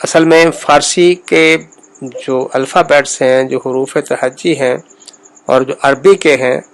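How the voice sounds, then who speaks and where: A man giving a spoken lesson on pronunciation, explaining in a measured way, repeating sounds and pausing often. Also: medium pitch, fairly even intonation. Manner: measured, explains slowly with repetitions and pauses. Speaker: language teacher.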